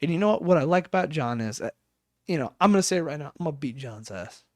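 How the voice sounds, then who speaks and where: Young male podcast co-host, excitable football fan, dry sound, slightly raised pitch. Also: fast talker, no room sound. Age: 20s. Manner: excited, rambling sports talk with swearing. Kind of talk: casual chat.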